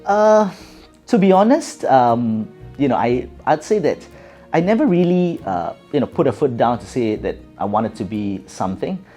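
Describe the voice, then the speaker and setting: A man's voice: medium pitch, big pitch swings, moderate pace, warm tone, soft background music. A middle-aged man from Singapore with a Singaporean English accent, giving thoughtful interview answers with many fillers and restarts. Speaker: guest.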